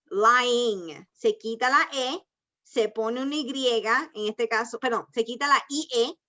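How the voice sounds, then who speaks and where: Woman teacher going over grammar rules slowly and patiently, bright voice, kinda dull lo-fi sound. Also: fairly high pitch. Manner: patient, explains step by step, mixes Spanish and English. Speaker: ESL teacher. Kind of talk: online class teaching. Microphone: video call. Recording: dull lo-fi video call audio.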